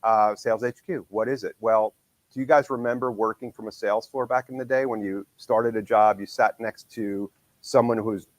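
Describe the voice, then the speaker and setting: A man's voice: lowish voice, steady tone, moderate pace, no echo, low-quality recording. Nasal man hosting a podcast. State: nasal from a cold. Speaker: podcast host. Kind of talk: casual podcast chat.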